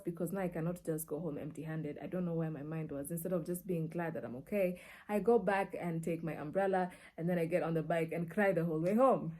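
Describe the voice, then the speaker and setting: This Kenyan media personality has a mellow, low-pitched voice and tells personal stories in a relaxed way, mixing in Swahili. She performs the dialogue and reactions expressively.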